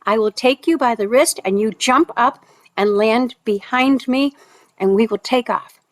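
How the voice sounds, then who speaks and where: A woman voicing a confident male horseback reenactor who gives firm, patient instructions, in her own fairly high voice. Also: a little slow, natural voice. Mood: instructing.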